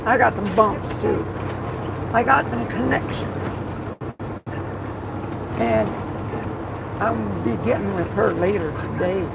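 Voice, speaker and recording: A woman with a rough, pushed voice and a Texan-like twang, chatting excitedly and rambling on a casual livestream while driving. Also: medium pitch, takes it slowly, pauses often. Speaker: truck driver livestreamer. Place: inside a moving truck cab. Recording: loud vehicle and road noise. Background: engine and road noise.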